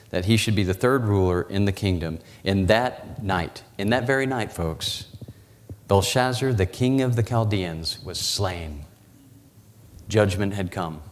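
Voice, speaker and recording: A man in his forties preaches a sermon in a church sanctuary, walking the platform and gesturing, slowing down and dropping his voice low for dramatic effect. He's picked up by both a lapel mic and a pulpit mic, with the reverb of a church hall.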